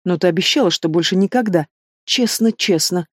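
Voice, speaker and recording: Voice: medium pitch, brisk, breathy edge, dry recording, lightly acted. A reader voicing a sly, scheming werewolf uncle with a smug, teasing manner, in a dry recording.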